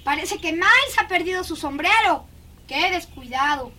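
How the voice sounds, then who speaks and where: A woman's voice: extremely high pitch, lively intonation, normal speed, sharp tone, heavily acted. A woman dubbing a dreamy, eerie little girl who is fascinated by dead beetles, in a lingering, singsong, childlike way. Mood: excited. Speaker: dubbing actress. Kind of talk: film dubbing.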